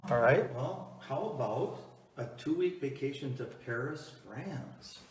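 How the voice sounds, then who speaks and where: A man's voice: medium pitch, expressive, measured pace, natural voice. Easygoing talk-show host, echoey played by a man. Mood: agreeable. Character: easygoing small-town Wisconsin talk-show host Bob. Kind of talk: amateur church comedy talk-show skit. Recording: echoey room, distant mic, noise.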